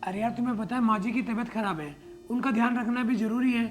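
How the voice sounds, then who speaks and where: A practical, defensive husband, played by a man, reasons with his wife in quick bursts. His voice is fairly high and rushes along. Faint music plays behind him in this drama sketch. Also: steady tone.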